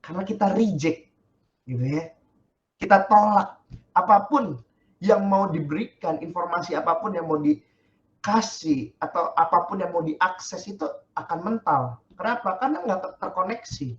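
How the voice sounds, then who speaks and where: A man's voice: high voice, normal speed, highs cut off. A male pastor giving a chatty, joking sermon in casual slang and reading scripture.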